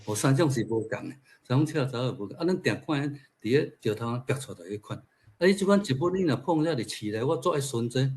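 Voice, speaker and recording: A man with a Taiwanese accent and a mid-range, darkish voice speaks informally at a literature forum. He shares his observations conversationally and poses rhetorical questions.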